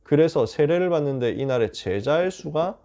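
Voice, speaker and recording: A man preaching a sermon to high school students as their youth pastor, telling joking stories and making emphatic calls. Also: moderate pace. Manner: animated, joking storyteller.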